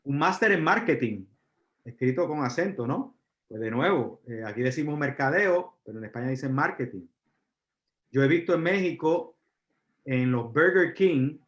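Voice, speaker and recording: A man from Puerto Rico with a Puerto Rican accent, giving a live university lecture, pausing on fillers and asking the audience questions. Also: on the high side, fairly bright tone. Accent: Puerto Rican Spanish. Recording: roomy, dull lecture recording.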